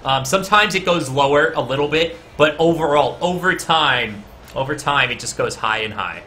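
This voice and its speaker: A man's voice: a little high, animated, brisk, slight background noise. A man streaming his game programming, reasoning aloud as he works and chatting with viewers in between. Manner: chatty, talks to viewers in chat between code explanations; guessing and reasoning out loud with frequent "uh". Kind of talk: live coding stream, thinking aloud.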